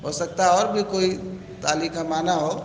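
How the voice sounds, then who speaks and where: Indian male teacher, high voice, questioning students, echoey hall. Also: steady tone. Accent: Indian Urdu. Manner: keeps quizzing students with questions; reads Arabic text then explains it. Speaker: teacher of logic. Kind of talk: classroom lecture. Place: classroom. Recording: echoey classroom with faint noise.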